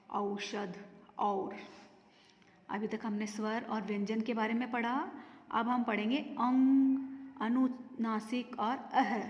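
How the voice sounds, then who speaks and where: Woman teacher going slow over example words, highish voice, echoey room with long reverb. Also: darkish tone, dull audio. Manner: slow, deliberate, spells out each example word. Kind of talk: Hindi grammar lesson for children.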